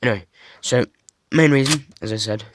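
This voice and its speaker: A young man casually showing off a toy model he built, talking in a monotone with many fillers and restarts. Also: mid-range voice, fairly quick, dry recording, studio quality. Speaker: hobby builder showing a model. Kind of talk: casual show-and-tell.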